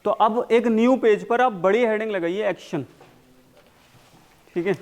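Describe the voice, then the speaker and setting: Slow, deliberate male teacher. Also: high voice. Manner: slow and deliberate, repeating words for the class to copy. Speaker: English communication coach. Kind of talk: classroom teaching, mixing Hindi and English. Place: classroom.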